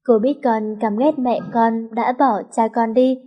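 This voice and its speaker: A woman voicing a gentle, caring young nanny who speaks softly. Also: on the high side, fairly even intonation, measured pace, highs cut off. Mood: soothing. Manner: soft, soothing, tender.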